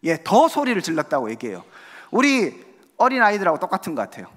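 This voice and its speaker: A man's voice: high voice, wildly swooping pitch, fast, a bit bright. A male pastor preaching a sermon in a church, asking the congregation questions and acting out the voices of the crowd. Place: church sanctuary. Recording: long church hall reverb.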